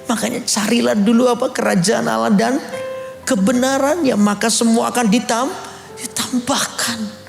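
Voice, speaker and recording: During a church service, a male pastor with a very high, gravelly voice preaches a sermon in an echoey room. He tells his story with animation, acting out the dialogue and calling for amens.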